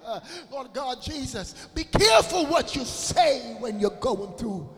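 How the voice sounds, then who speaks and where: High-voiced preacher whooping in a church. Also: male voice, animated, a little slow. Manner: chanting, sing-song preaching with frequent "uh" and shouted climaxes. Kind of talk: sermon. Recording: long hall reverb with faint music.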